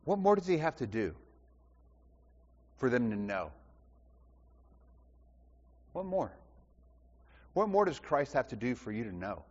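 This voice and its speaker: A man's voice: medium pitch, very animated, a little slow, pauses often. Impassioned preacher man in echoing hall. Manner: impassioned, rhetorical repetition, swings from loud to hushed. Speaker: pastor. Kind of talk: sermon. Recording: dull sound with long church reverb.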